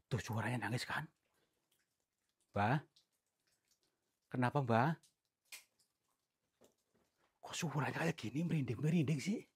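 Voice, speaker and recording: Husky man whispering in a cave. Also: medium pitch, lively intonation, slow pace, pauses often, no echo. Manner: coaxing, soothing, often hushed. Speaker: cave explorer host. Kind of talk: staged exploration vlog. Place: inside a cave.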